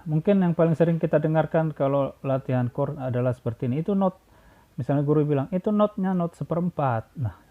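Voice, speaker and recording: A man teaching a choir how to read number notation, explaining patiently, repeating himself and counting beats aloud. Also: mid-range voice. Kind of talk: spoken music lesson, sung examples. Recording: tinny phone-like sound.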